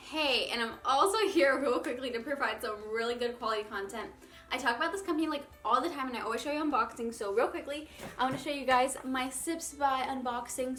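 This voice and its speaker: Bright bubbly young woman vlogging. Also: high-pitched. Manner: bubbly, chatty, lots of "like". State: out of breath. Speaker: beauty vlogger. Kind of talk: casual vlog chat.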